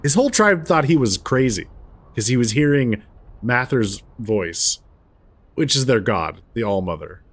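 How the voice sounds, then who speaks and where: A man giving casual gameplay commentary, thinking aloud in a halting, amused way. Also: mid-range voice, animated. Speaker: gamer, let's player.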